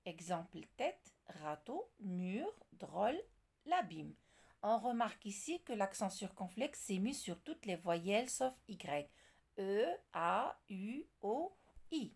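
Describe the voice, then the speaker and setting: A woman teaching a French lesson, explaining slowly and deliberately and spelling out word examples one by one. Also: mid-range voice, sing-song, gravelly, darkish tone, slightly rough.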